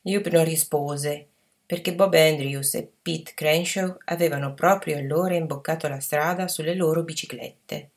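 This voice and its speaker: A woman narrating a story in an even, measured reading voice. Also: low voice. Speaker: audiobook narrator.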